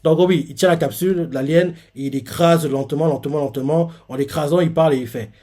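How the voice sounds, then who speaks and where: A man's voice: on the high side, fairly even intonation, a little fast, dark tone. A man hosting a live manga reaction, retelling a chapter in a rambling way full of fillers.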